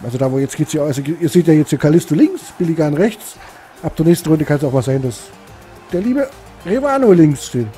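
A man co-hosting a game video, calmly explaining how the tournament works to viewers. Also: on the high side, a little fast, faint music behind. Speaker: let's play co-host. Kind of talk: casual gaming commentary.

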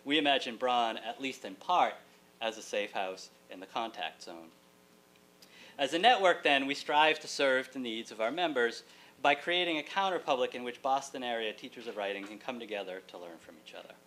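A middle-aged man gives a prepared keynote address at a lecture hall podium, drawing on his work as a college writing teacher, articulate and wry, with jokes along the way. His medium-pitched voice has lively intonation, a moderate pace, and a slightly bright tone. The sound comes from a distant camera, with hum and room noise.

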